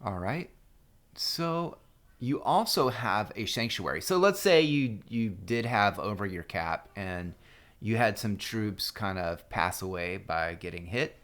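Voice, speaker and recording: Low-voiced man walking through game strategy. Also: animated, a little slow, a bit bright. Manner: loose, filler-heavy, full of "you know" and restarts. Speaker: game guide host. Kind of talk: casual strategy walkthrough voice-over.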